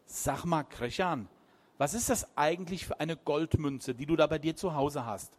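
A man voicing a calm female police inspector who asks probing questions in an offhand way. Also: on the high side, normal speed, natural voice. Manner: casual-sounding, probing questions.

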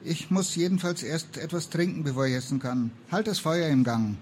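A man's voice: on the high side, normal speed, darkish tone, slight background noise, natural voice. A man reading the lines of a stern, dutiful young woman, a traveling apothecary in an old tale, in a firm, earnest manner. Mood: matter-of-fact.

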